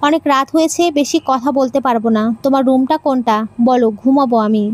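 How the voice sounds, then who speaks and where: A woman voicing a young maid who has become a bride, bold, sharp-tongued and blunt. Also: high-pitched, brisk. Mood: defiant. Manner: blunt, pointed.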